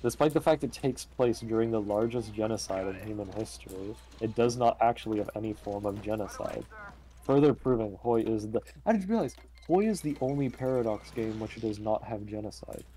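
A man's voice: on the low side, a little fast, dark tone. A man chatting casually with friends on a voice call, rambling and joking around. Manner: rambling, joking, fond of silly put-on accents. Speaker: group member in a gaming voice chat. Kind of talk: casual chat.

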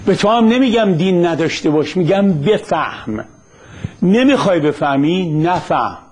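Blunt husky man with Isfahani accent. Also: animated, darkish tone. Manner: blunt, emphatic, rising pitch on key phrases. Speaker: commentator on religion. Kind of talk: monologue lecture.

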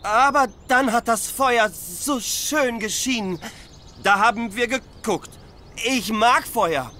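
A man's voice: very high voice, slow, sharp tone, slight background noise, full character voice. A man playing a childlike, simple-minded ruin dweller in a video game, talking in a naive, hesitant way. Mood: innocent wonder.

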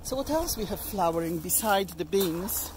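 A woman's voice: fairly low pitch, animated, normal speed, background noise. Chatty woman touring her allotment outdoors. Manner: chatty and meandering, many ums and restarts. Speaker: allotment gardener showing her plot. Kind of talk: casual garden tour vlog.

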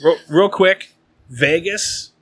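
A man in his late thirties hosts a laid-back podcast, chatty and rambling. His voice sits a little high and sounds bright and forward. He is from the Pacific Northwest. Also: takes it slowly, breathy edge. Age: late 30s. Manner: chatty, rambling, reads shout-outs. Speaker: podcast host. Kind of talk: casual podcast chat.

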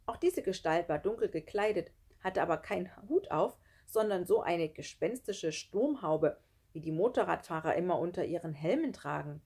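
A woman reading a children's book aloud with lively storytelling. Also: fairly low pitch, moderate pace, slightly rough. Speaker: reader.

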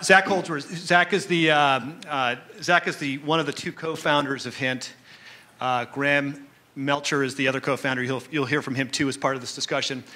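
A middle-aged man giving an informal, somewhat halting introduction as a conference host. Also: mid-range voice, sharp tone, a little hiss or hum. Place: hotel conference hall, on stage before an audience. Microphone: handheld mic.

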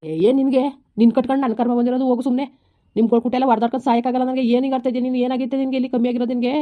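Playing a husband torn between his wife and his mother, a woman scolds with bitter exasperation in a village comedy skit. She speaks very fast in a high, near-everyday voice that barely moves in pitch. The lo-fi audio is slightly dull.

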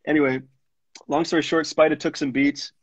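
A man's voice: a little high, little pitch movement, a little fast, breathy edge. A young man, a music producer telling stories in a casual radio interview, rambling and slangy with lots of fillers. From Montreal, Canada. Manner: rambling, laid-back slang-heavy storytelling with lots of fillers. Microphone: studio mic. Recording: dull lo-fi radio studio.

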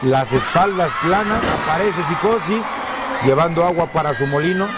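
A man's voice: on the high side, moderate pace. A man with a Mexican accent calling lucha libre play-by-play as a wrestling commentator. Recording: noisy old TV broadcast, crowd roaring behind. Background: loud arena crowd.

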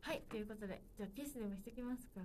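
A woman's voice: fairly high pitch, racing, darkish tone, slight background noise. A woman in her twenties hosting a solo livestream, chatting casually and playfully with viewers. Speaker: livestream host.

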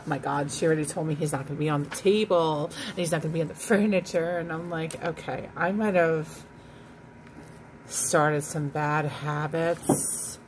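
In a low-quality recording with a bit of hiss or hum, a deep-voiced woman talks to her foster kitten on a phone camera at home. She casually curses, coos at the pet, and makes up silly songs in this relaxed vlog chat.

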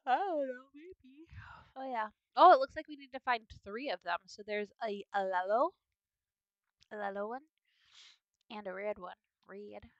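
A woman's voice: mid-range voice, moderate pace, pauses often, no room sound, lo-fi sound. A young woman with a sniffly nose giving chatty, playful commentary on a video game at home, now and then breaking into bits of song. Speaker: gaming video host. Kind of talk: casual gameplay commentary.

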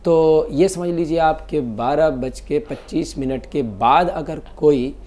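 Male mufti, dark mellow voice, patient step-by-step explainer. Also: a little high, slow pace. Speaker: mufti answering callers. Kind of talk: religious call-in explanation.

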